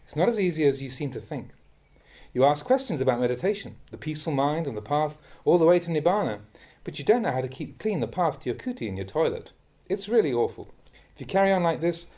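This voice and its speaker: A man, a monk, reading a Dhamma talk aloud in a measured, admonishing way that rises sharply when he scolds. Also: medium pitch, dark tone. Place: monastery.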